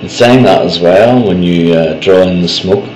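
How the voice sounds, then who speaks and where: A man giving a relaxed, measured spoken review of pipe tobacco while talking with a pipe stem held at his lips. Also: low voice. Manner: relaxed, measured, thinking aloud. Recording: echoey room with clear background noise.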